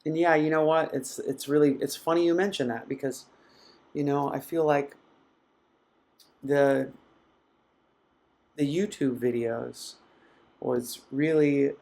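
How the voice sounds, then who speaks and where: A man hosting a live mindfulness session, speaking in a reflective, halting way as he reads out viewers' comments. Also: medium pitch, fairly even intonation, gravelly. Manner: reflective, soft-spoken and halting. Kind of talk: casual live-stream talk reading viewer comments.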